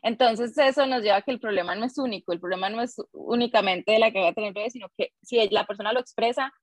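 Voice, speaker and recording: A woman's voice: fairly high pitch, fast, no room sound. A woman co-hosting a casual podcast, explaining her points in a friendly way. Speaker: podcast co-host.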